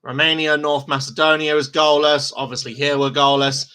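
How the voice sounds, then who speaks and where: A man with a bright, forward voice gives casual live match commentary. He rambles and chats in a loose, informal way and laughs often. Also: a little high, flat delivery, moderate pace, clean tone. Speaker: host reacting to a live football match.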